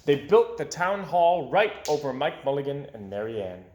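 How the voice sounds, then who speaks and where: In a roomy home recording, a man with a slightly high, darkish voice reads a children's story at normal speed. He's very animated, changing volume and tempo to keep the suspense going.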